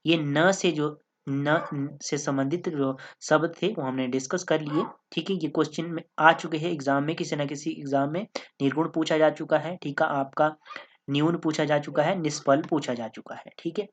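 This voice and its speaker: Low-voiced woman teaching grammar. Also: fairly even intonation, normal speed. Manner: explanatory, repeats "ठीक है" and "दोस्तों". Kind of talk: exam-prep lesson.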